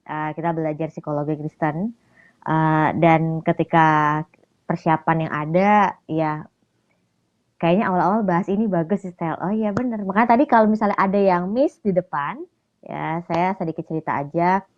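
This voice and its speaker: A woman hosts a casual ministry live stream in a chatty, loose manner, with a slightly low voice. The sound is a bit dull and lo-fi. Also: steady tone, normal speed. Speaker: ministry host.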